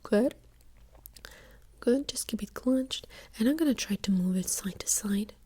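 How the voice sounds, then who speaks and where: Breathy woman in a whispered role-play. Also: fairly high pitch, expressive, measured pace. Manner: gentle, reassuring, giving step-by-step instructions. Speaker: ASMR performer playing a doctor giving an exam. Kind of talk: whispered role-play, soft-spoken ASMR medical exam.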